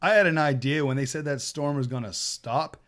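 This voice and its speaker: A man's voice: medium pitch, fairly quick, fairly bright tone. A man who organizes a music festival, telling his story plainly and matter-of-factly as a guest in a casual interview.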